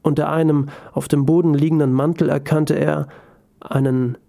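A man narrating a story in an even, calm storytelling voice. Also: fairly high pitch, moderate pace, vocal fry.

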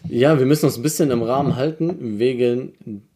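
A man co-hosting a podcast in casual chat, animated and joking, swearing freely. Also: mid-range voice, moderate pace. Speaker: podcast co-host.

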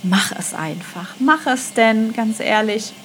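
A woman speaking directly to the listener in a motivational self-love monologue, gentle and affirming, often repeating her phrases and dropping in a soft "ja". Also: fairly high pitch, slow pace, slight background noise. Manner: gentle, affirming, repetitive phrasing with many "ja" fillers.

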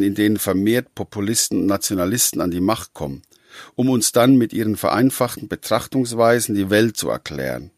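Low-voiced man narrating a radio feature. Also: no echo, clean studio sound. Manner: measured, even reading.

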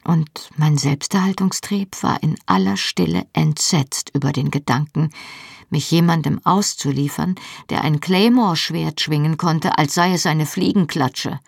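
Gravelly, husky female audiobook narrator. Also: low-pitched, a little slow, dry recording, clean studio sound. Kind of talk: scripted first-person novel narration.

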